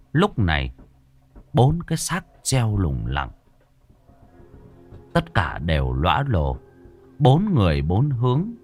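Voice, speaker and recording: A man narrating a scripted horror story in a dramatic, expressive way. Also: mid-range voice.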